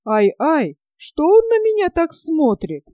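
Woman playing cranky old lady, whiny and spiteful, high and mellow. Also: huge pitch swings, slow, no room sound, clean studio sound, full character voice. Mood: sweetly evasive. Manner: whining, plaintive.

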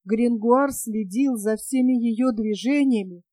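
Brief: woman narrator, high voice, measured expressive audiobook reading, dry close sound. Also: no room sound. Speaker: audiobook reader. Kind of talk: audiobook narration of a classic novel.

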